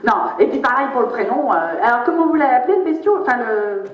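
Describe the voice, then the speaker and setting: A woman's voice: high voice, expressive, fast talker. A woman playing a foul-mouthed mean old granny. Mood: gleeful crude. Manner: foul-mouthed, gleeful, mocking. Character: crude, spiteful old grandmother. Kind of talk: stand-up character monologue. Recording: dull, echoey room sound.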